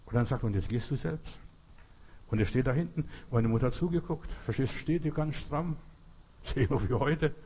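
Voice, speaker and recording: A man delivers a sermon in a husky, slightly breathy voice. He speaks in earnest, exhorting tones and addresses each listener directly. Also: medium pitch, brisk, a little mellow. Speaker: preacher.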